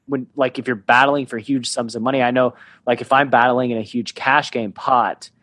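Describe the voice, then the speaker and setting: A man's voice: medium pitch, steady tone, normal speed, a bit bright, dry recording. Podcast host man, dry close sound. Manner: conversational, asks leading questions. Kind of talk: casual interview conversation.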